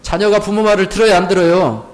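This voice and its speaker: High-voiced male pastor preaching. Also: fast talker. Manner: asks the congregation rhetorical questions and repeats key words; leads the congregation in call-and-repeat. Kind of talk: Sunday sermon. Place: church sanctuary.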